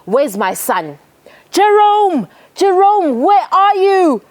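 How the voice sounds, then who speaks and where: A worried farmer father in a children's storybook, calling out urgently for his son, as a woman reads him. He speaks slowly and with weight. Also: mid-range voice, animated, warm tone, dry recording. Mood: frantic shouting.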